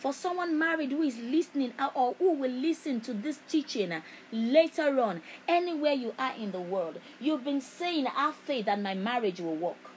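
A woman's voice: high voice, expressive, normal speed, hardly any pauses, darkish tone, a little hiss or hum, low-quality recording. A woman preaching a prophetic sermon, repeating phrases with emphatic, rhythmic delivery. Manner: repetitive, emphatic, preacher's cadence.

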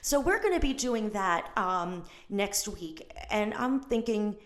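A middle-aged woman hosts her own podcast in a loose, gushing monologue. She chats fast and breaks off mid-thought, then jumps back in. Her voice sits at an ordinary pitch for a woman. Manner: gushing, chatty, self-interrupting. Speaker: podcast host. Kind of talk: casual solo podcast monologue.

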